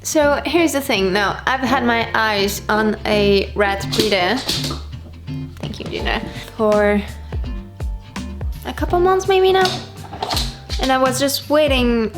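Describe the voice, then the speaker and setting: A woman's voice: on the high side, animated, takes it slowly, music in the background. A young adult woman, chatting casually as a vlogger. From Switzerland. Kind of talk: casual vlog chat.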